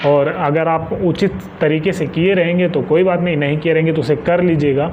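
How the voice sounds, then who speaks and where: A man from northern India, presenting exam guidance, gives viewers informal advice and keeps repeating key points to drive them home. His voice sits on the high side, with a steady tone and a moderate pace. The recording is muffled and lo-fi, with faint noise in the background.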